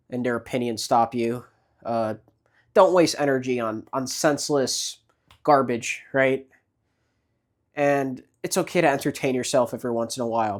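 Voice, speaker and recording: A man in his late twenties giving casual motivational advice, rambling with many fillers and restarts. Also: mid-range voice. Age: 20s. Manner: frequent restarts and repeated words. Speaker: vlogger.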